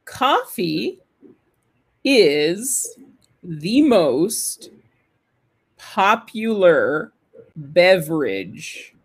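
A woman serving as the English model voice, reading a sentence word by word for learners to repeat. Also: lowish voice. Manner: carefully spaced, deliberate reading. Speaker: English-speaking model reader. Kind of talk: reading a sentence slowly for repetition.

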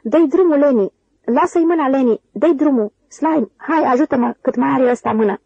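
A woman voicing a grown ranch worker who shouts urgently to his friend, in an audiobook. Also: on the high side, no room sound, lo-fi sound, lightly acted.

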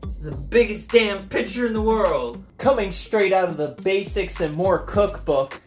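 A young man hosting a comedic home cooking vlog, goofy and jokey, sometimes breaking into loud mock commands, filmed in his kitchen on a camera mic. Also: high voice, expressive, normal speed, echoey room, faint music behind. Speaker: cooking video host.

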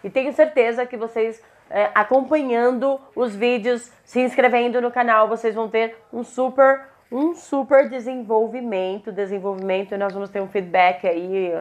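A Brazilian woman with a Brazilian Portuguese accent teaching an online English lesson, switching between Portuguese and English, repeating each example slowly and checking in with "ok?". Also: fairly high pitch, fairly even intonation. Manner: ends phrases with a checking "ok?".

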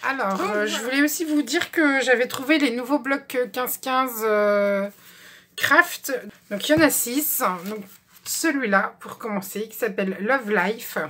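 A woman's voice: on the high side, unhurried, fairly bright tone. A woman chatting casually through a craft shopping haul, showing items one by one with lots of fillers. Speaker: craft vlogger. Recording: faint background noise with clicks.

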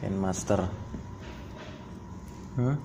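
A man giving a casual, halting, step-by-step phone app tutorial as host. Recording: noisy amateur phone recording, vehicle-like rumble.

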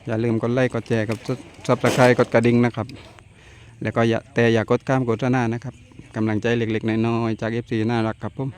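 A middle-aged man hosting his own farm vlog outdoors, talking in a relaxed, chatty way and often ending phrases with polite particles. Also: medium pitch, fast talker. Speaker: channel host.

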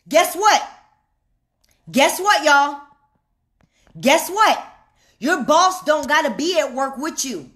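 Her voice is high and a bit bright as she rants straight to camera, coaching her audience on money. She preaches emphatically, slowly repeating points and calling out "hello?" to viewers.

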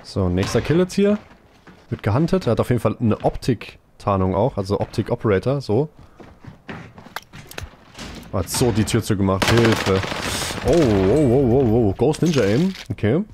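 A young man streaming a shooter game live, chatting casually with viewers in a slangy, excitable way, with gunfire from the game behind him. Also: lowish voice, moderate pace, pauses often, noisy background.

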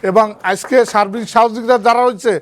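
A man's voice: extremely high pitch, fairly even intonation, fast. A man giving a spoken thank-you comment at an event. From Bangladesh.

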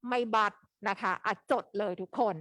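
A woman's voice: moderate pace, pushed and bright, no echo, studio quality. A woman teaching English in a live online class, explaining and checking often whether students follow. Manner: explains with frequent checks like "okay?".

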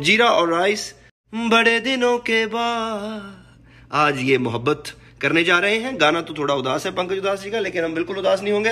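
A young man chats his way through a home cooking vlog, his voice sitting a little high for a man. A slight hoarseness runs through his relaxed, joking talk, and he mixes English words into his speech. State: slightly hoarse from singing practice. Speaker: cooking vlogger.

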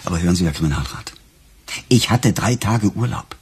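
On a radio crime drama, a male actor plays a sarcastic, embittered police detective who turns defensive and emphatic. His husky voice is low-pitched and expressive, moving a little fast. A slight hiss or hum sits in the recording.

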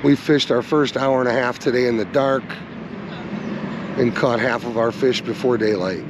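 Man, fishing vlog host, folksy instructive, mid pitch, outdoors, faint background noise. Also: fairly even intonation, moderate pace. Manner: folksy, instructive, addresses viewers as guys. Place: outdoors on or by the river.

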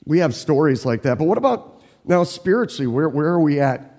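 A man's voice: on the high side, big pitch swings, fairly quick, mellow, in a large hall. A man preaching a sermon, telling a personal story in a conversational way and asking his listeners questions. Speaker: pastor.

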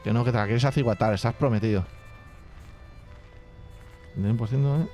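A man's voice: mid-range voice, moderate pace, darkish tone, faint music behind. A man giving casual, profanity-laced commentary while playing a strategy game. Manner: chatty, swears freely, reads game text aloud. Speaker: gaming youtuber. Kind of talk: casual let's play commentary.

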